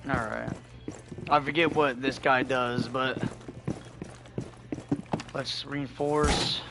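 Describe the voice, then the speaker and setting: A man with a hoarse, fading voice giving relaxed, casual commentary as he plays a game on stream. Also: mid-range voice, takes it slowly, noisy background. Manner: relaxed, thinking aloud while playing. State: hoarse, losing his voice.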